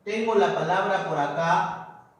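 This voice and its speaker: Male teacher, high voice, patient and repetitive, heavy room echo. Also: animated. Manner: checks understanding with constant tag questions; repeats key words slowly for emphasis. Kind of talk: classroom grammar lecture. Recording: very echoey room, distant mic.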